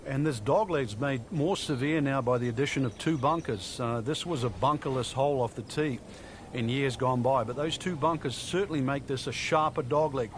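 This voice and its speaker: With a crowd and general noise outdoors behind him, this man speaks at an even, moderate pace in a mid-range voice. He's a broadcast golf analyst talking through the action in a relaxed, conversational way.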